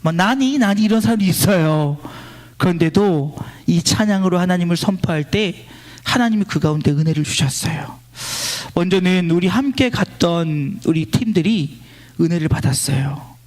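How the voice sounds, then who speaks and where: A male pastor preaching at a church service, leading a line-by-line scripture reading and swinging between loud exclamations and quiet storytelling. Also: sits high, normal speed. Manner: exclaims praise lines loudly, then drops to quiet storytelling. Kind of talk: sermon.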